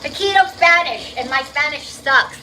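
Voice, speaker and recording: A high-voiced woman with a New Jersey accent and a slight lisp chats casually on a livestream while cooking and washing dishes in her home kitchen, tap water running. She's chatty and upbeat, humming and singing along at a moderate pace with a sharp tone. The rough recording carries slight background noise.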